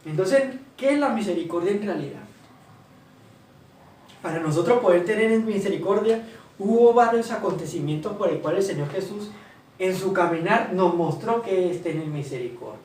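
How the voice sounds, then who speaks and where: A man's voice: high-pitched, animated, moderate pace, a little mellow. A man preaching a sermon, asking questions and answering them himself. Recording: roomy hall, voice from far off, faint ambience.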